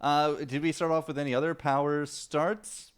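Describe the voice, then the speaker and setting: A young man casting a live esports match, excitable and quick to laugh, chatting with viewers between plays. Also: on the high side, smooth. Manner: excitable, laughing, talks to chat. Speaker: esports caster. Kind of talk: live game commentary.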